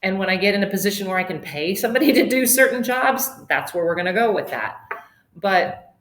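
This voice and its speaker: A woman's voice: mid-range voice, expressive, brisk, fairly bright tone. A middle-aged woman giving a casual webinar talk as a yoga instructor, chatty and digressive, laughing often. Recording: roomy echo.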